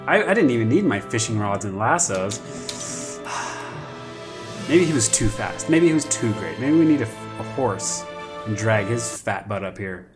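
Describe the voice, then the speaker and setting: Excitable man doing panicky game commentary. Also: lowish voice, measured pace. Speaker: gaming commentator. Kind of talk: live gameplay commentary. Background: background music.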